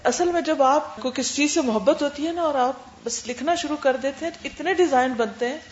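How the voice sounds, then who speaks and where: A woman teacher lecturing her class, explaining points in short lists and rhetorical questions. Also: high voice. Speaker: religious studies teacher. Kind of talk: classroom lecture answering students. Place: lecture room. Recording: roomy classroom, dull sound, faint hum.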